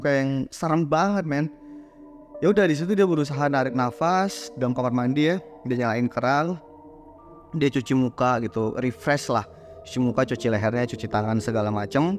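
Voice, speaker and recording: With a fairly high but darkish-toned voice, this horror show host narrates in a chatty, slang-heavy way, performing the lines each character speaks.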